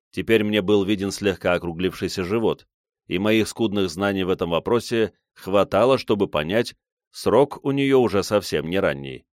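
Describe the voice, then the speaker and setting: A man giving expressive first-person audiobook narration. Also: low voice, no echo, clean studio sound.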